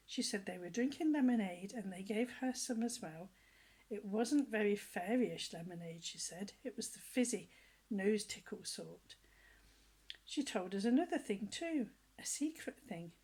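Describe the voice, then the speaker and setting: With a breathy, mid-range voice, an older woman gives a children's story a gentle, lively reading. She frequently slips into soft whispers and puts questions to the young children listening.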